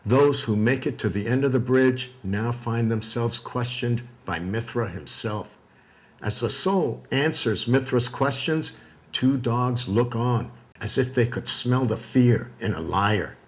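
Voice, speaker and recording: Man narrating a documentary, measured. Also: medium pitch. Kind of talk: scripted narration.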